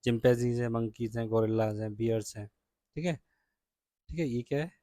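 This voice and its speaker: A man with an Indian accent teaching a science lesson to children, reading English lines slowly and then explaining them in Hindi, checking in often with "ठीक है?". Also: mid-range voice, warm tone, no echo.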